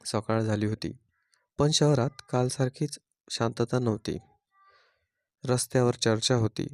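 A man narrating a dramatic story with steady, solemn delivery. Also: medium pitch, measured pace, no echo, studio quality.

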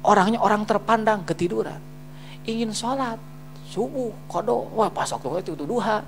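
A man teaching an Islamic study class in a lively, joking manner, swinging between loud emphasis and quiet asides and often asking if listeners understand. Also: sits high, moderate pace, background noise. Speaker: religious teacher. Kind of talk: casual Islamic study lecture. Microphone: streamed live.

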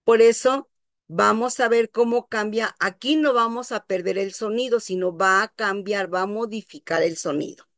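A woman's voice: mid-range voice, normal speed, fairly bright tone, no echo, clean studio sound. A woman teaching English pronunciation, explaining patiently and checking that her students follow.

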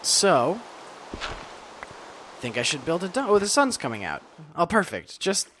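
Playful gamer with wildly swinging pitch. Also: very animated, unhurried, background noise. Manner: playful, chatty self-talk with silly asides. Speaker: let's play host. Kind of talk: casual gameplay commentary.

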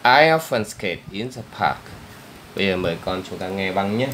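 A man teaching an English lesson to young children, patiently repeating each word slowly for the pupil to copy. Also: low voice, lively intonation, a bit bright, a little hiss or hum. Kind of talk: step-by-step spoken lesson for children.

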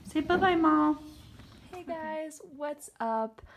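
A young woman with a high, expressive, creaky voice speaks slowly as she chats to viewers, laughing often. Filming on a phone camera at arm's length, she's in a horse barn partly open to the rain, with barn noise in the phone audio.

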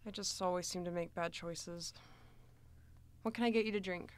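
A woman's voice: on the low side, steady tone, moderate pace, clear, resonant tone, close to an everyday voice. A woman playing a timid young waitress. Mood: subdued. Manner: timid, downbeat.

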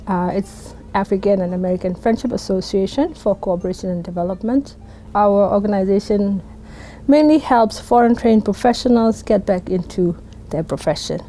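A woman's voice: medium pitch, normal speed, dark tone, slight background noise, poor audio. A middle-aged woman program coordinator speaking earnestly and emphatically in a documentary interview in an office. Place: indoor office.

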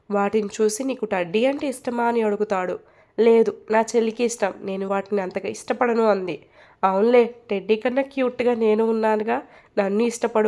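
A woman's voice: on the high side, darkish tone. A woman narrating a romance story aloud, reading all the characters' lines herself with light acting. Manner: reads all parts, lightly acting dialogue.

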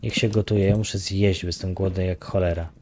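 The YouTuber's low voice stays fairly even but moves briskly as he casually comments on his gameplay, counting under his breath and grumbling with light swearing. It's let's-play commentary with background noise.

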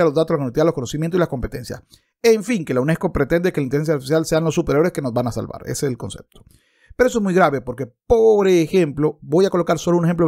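Indoors in a book-lined home room, a thirty-something man delivers opinionated, argumentative commentary, reading passages aloud with emphasis. His voice is fairly high with a darkish tone, and a desktop mic sits close in front of him.

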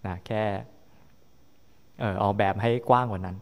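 A man's voice: lowish voice, moderate pace. A man, a university lecturer, explaining a technical topic to a class, often checking understanding with tag questions. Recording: long lecture-hall reverb.

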